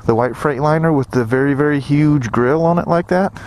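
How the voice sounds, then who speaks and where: A man talking from inside a helmet while riding a motorcycle, chatting casually to viewers in a folksy, rambling way, thinking out loud. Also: a little high, a little fast. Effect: voice heard from inside a helmet. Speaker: motovlogger riding a dual-sport motorcycle. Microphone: helmet mic. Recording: loud motorcycle engine and road noise.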